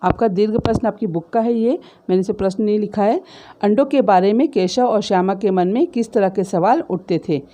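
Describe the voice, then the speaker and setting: A woman teacher walks her class through a story, retelling each line in simpler words and checking in with little tag questions. Her voice is mellow and soft-edged, never sharp, and her pitch sits in an ordinary middle range. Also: a little fast. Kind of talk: explaining a story in a school lesson.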